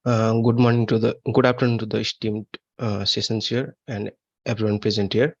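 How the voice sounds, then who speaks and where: A man from Nepal presents an academic paper over a video call, talking haltingly with many fillers and restarts. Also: on the low side, level tone. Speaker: conference presenter. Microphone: computer mic on a video call. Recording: dull lo-fi online call audio.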